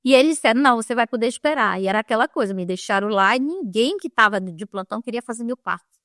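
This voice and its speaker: Middle-aged woman w/ manaus accent telling her story, halting and emotional, higher voice, dry close sound. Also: expressive, fairly bright tone, no echo. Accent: Northern Brazilian (Manaus). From Manaus, Brazil. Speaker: interviewee. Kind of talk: personal testimony.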